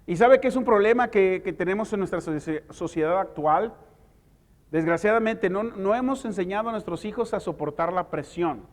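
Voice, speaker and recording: High-voiced pastor preaching in a hall. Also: male voice, moderate pace. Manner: conversational preaching with rhetorical questions. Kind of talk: sermon. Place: church service in a hall. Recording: long hall reverb.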